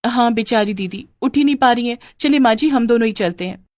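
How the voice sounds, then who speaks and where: A woman's voice: a little high, brisk, a little mellow, dry recording, pitched above the performer's own voice, lightly acted. A woman doing an earnest young bride. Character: kind, hardworking young bride.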